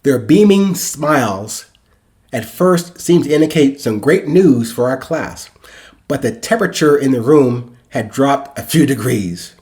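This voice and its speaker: A man in his sixties hosts a podcast, telling a reflective first-person story and acting out the dialogue in quotes. His mid-range voice is expressive and darkish, and he speaks a little slowly.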